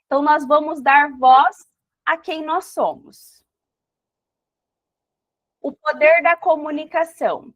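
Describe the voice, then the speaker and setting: Brief: woman mentor on a video call, high voice, dry close sound, coaxing questions. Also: slow pace, long pauses, a bit bright, no echo. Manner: encouraging, asks listeners reflective questions. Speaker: mentor teaching an online class. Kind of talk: live online class talk.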